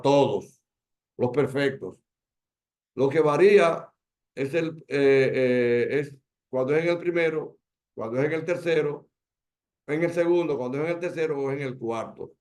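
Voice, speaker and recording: A man with a Dominican Spanish accent teaching an online poetry workshop over a video call, emphatic, repeating key words and slowing down to stress them. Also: fairly high pitch, darkish tone.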